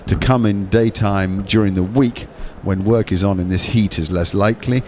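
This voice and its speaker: Man, deep voice, cricket commentary, measured, noisy recording. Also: fairly even intonation, darkish tone. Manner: measured, explanatory, with small restarts. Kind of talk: ball-by-ball commentary.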